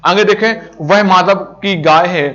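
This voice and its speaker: Guy teaching grammar over slides, high voice, goes over each example again, kinda muffled lo-fi sound. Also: measured pace, fairly bright tone. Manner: explains step by step, repeats terms and examples. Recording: dull lo-fi recording.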